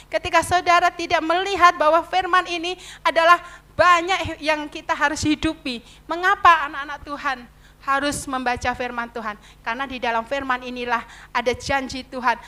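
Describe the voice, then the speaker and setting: A middle-aged woman from Indonesia preaching a sermon in a church, earnest and animated, weaving in personal stories. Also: high voice. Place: church sanctuary.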